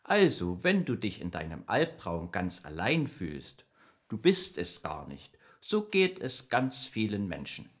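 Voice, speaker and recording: In a children's radio play, a man voices a friendly, chatty nightmare spirit who patiently explains dreams, evasive at first, then informative. His exaggerated voice is lowish and husky, swooping wildly in pitch, a little slow.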